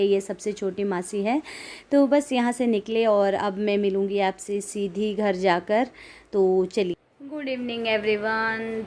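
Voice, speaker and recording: Himachali woman vlogger, casual and chatty, narrates for viewers, mid-pitched voice. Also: darkish tone. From Himachal Pradesh, India. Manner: chatty, talks straight to viewers.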